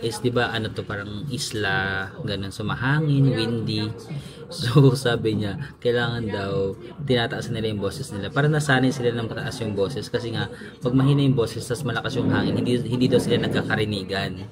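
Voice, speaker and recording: A man's voice: lowish voice, steady tone, fairly quick, a crowd in the background. A young Filipino man with a Filipino accent, chatting playfully as he narrates a casual travel vlog. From Philippines. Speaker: travel vlogger.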